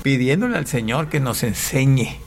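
A man from Panama speaks as a pastor guest on a radio show. He tells his testimony in a halting way, breaking off and restarting phrases at the studio microphone, with a faint hiss underneath. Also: medium pitch, lively intonation, vocal fry. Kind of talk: conversational testimony.

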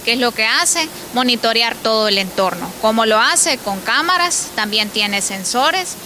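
A woman's voice: a little high, expressive, unhurried, sharp tone, slight background noise. A woman customs official explaining things by asking and answering her own questions. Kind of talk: interview explanation.

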